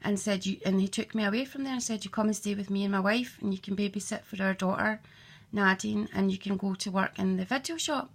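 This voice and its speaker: A woman's voice: medium pitch, fairly quick. Blunt, swearing woman telling her story. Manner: candid, swearing, blunt storytelling with quoted dialogue. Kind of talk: personal storytelling.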